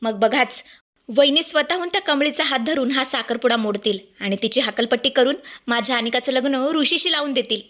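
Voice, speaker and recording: A woman's voice: high voice, a little fast, a bit bright. A woman voicing a scheming middle-aged woman with a sly, urgent manner, in a storybook-style serial recap.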